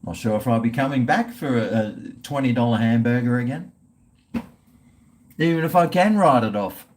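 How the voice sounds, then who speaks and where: A man's voice: medium pitch, moderate pace, a little mellow. A man with an Australian accent chatting casually on a livestream, rambling and swearing in a blokey way. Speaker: live streamer chatting with viewers.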